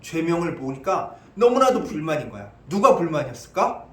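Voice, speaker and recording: A male pastor preaches in a church sanctuary with a high, lively voice that leaps up and down. The sound rings around the echoey hall. He keeps asking his listeners questions and answering them himself. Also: a little fast. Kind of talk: expository sermon.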